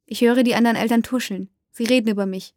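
A woman narrating a first-person story aloud, dramatic and rising to shouts in the dialogue. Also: fairly high pitch, fairly even intonation, quick pace, no echo, clean studio sound.

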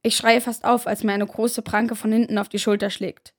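A woman reads a first-person story aloud at a steady, measured pace. Her voice sits a little high and carries a gravelly, creaky edge. It sounds like audiobook narration.

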